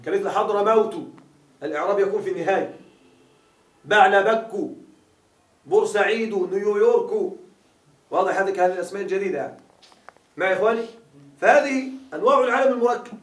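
Man teaching grammar, high voice, quizzing students, distant mic. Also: quick pace, long pauses. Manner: quizzing students with repeated questions. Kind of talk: classroom grammar lesson. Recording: echoey room, mic far off.

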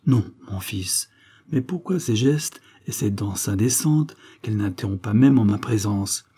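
A man voicing a stern old druid priest, speaking slowly and sonorously. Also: fairly low pitch, expressive, mellow, breathy edge. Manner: slow, sonorous, impassive.

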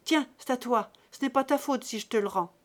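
A woman's voice: on the high side, expressive, moderate pace. A woman voicing a defiant young peasant woman who speaks sharply.

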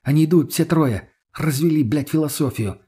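Man doing a young woman, scheming, crude, snappy, higher voice, husky. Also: normal speed, dark tone. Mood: snapping.

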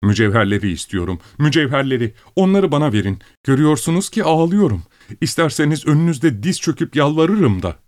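A man's voice: mid-range voice, sing-song, normal speed, breathy edge, no echo, clean studio sound, voice pushed up. A man voicing a tearful, genteel married woman who pleads and weeps, in an audiobook story. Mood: tearful pleading. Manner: weeping, imploring.

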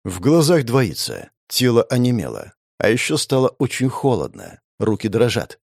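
A man's voice: mid-range voice, wildly swooping pitch, moderate pace, creaky, slightly rough, dry recording, studio quality. A man giving dramatic, intense narration of a combat fantasy audiobook. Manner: intense, gritty storytelling.

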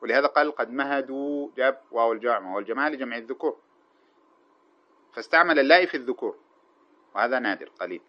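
Fast-talking grammar teacher, lo-fi. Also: male voice, medium pitch, animated. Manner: asks the class questions with a drawn-out "what?" and answers them himself; slows down and chants the quoted verses. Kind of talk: classroom explanation of a grammar text. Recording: dull lo-fi recording.

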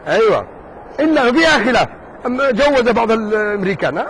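A man teaching a jurisprudence lesson in a mosque circle, talking casually and lively, joking with his students and firing rhetorical questions at them. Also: extremely high pitch, fast talker, a little hiss or hum, rough recording. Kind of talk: informal classroom lesson.

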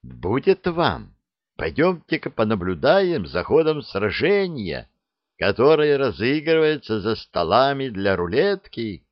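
A man's voice: mid-range voice, sing-song, a little slow, no room sound. A man playing a suave, languid captain. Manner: smooth, languid, airy. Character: suave, carefree male captain. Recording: dull dry recording.

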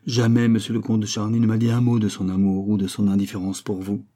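A proud young lady-in-waiting who answers a queen coldly and with bitter restraint, as a man voices her in an audiobook. The voice is dark and mellow, with a husky edge. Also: lowish voice, completely flat delivery, fast talker, close to an everyday voice. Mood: restrained. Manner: cold, restrained replies. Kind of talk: audiobook character reading.

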